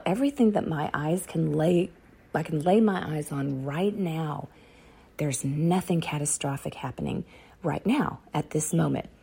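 Middle-aged woman, husky dark voice, earnest faith testimony, repeats phrases. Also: sits low. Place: outdoors on a dark autumn morning.

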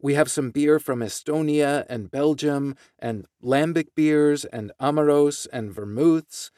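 A man reading local newspaper articles and quotes aloud in a steady, measured way. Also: on the high side, no echo, studio quality. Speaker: news reader.

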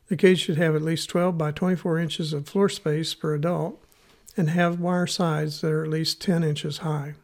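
Gravelly Missouri man reading an educational podcast. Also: fairly high pitch. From United States, Missouri. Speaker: podcast host. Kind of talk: scripted educational narration.

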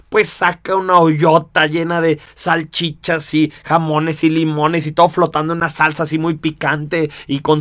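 Lively man explaining, higher voice. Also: no echo, clean studio sound. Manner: lively, conversational, rhetorical asides. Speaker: teacher. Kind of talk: explanatory talk to an audience.

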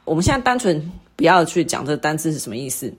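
A middle-aged woman hosting a lesson, explaining English word stress to listeners patiently and repeating each example word slowly. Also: sits low, big pitch swings, husky. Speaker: English teacher and podcast host.

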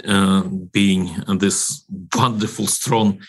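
A man telling a story as an interview guest, halting and repeating his words. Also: fairly low pitch, fairly even intonation. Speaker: interview guest from a broadcasting ministry.

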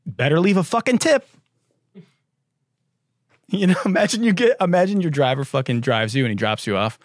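A man's voice: fairly high pitch, lively intonation, moderate pace, no echo, clean studio sound. A man hosting a comedy talk podcast, sarcastic and profane, laughing often between jokes. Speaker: podcast host.

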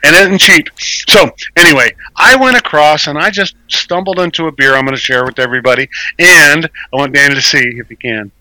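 A man's voice: fairly high pitch, fairly quick, bright, forceful tone, dry recording, rough recording. An older man hosting a casual sports talk radio show, rambling in a folksy way and leaning on old sayings.

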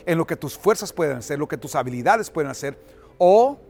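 A man preaching a sermon as pastor, emphatic, often asking the congregation to repeat his words and building to loud, forceful peaks. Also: fairly high pitch, animated, fast. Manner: rises to loud, forceful delivery at climaxes.

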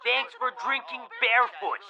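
A woman's voice: on the high side, moderate pace, gravelly, a crowd in the background. A woman playing a whooping party guest over the phone. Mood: rowdy. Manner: loud, excited, whooping. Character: rowdy woman shouting at a party. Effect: heard over the phone at a noisy party.

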